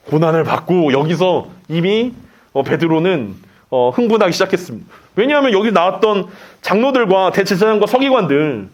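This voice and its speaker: A male pastor preaching a sermon, dramatizing the scene as he tells it. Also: sits high. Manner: animated, dramatizing, storytelling.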